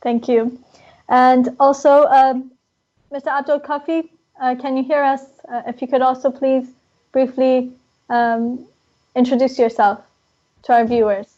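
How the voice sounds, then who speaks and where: A woman's voice: high voice, flat delivery, a little slow. A woman moderating an online panel, introducing guests politely with frequent fillers. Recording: muffled online broadcast audio.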